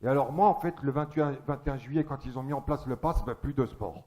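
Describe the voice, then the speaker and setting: A man's voice: mid-range voice, fast talker, darkish tone. A man doing a stand-up comedy monologue on a theatre stage, chatty and crude, teasing the audience.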